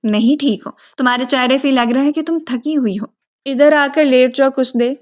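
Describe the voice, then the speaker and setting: A woman's voice: on the high side, darkish tone, lightly acted. A woman voicing an affectionate, protective old grandmother in a storybook reading. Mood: loving. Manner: loving, soothing.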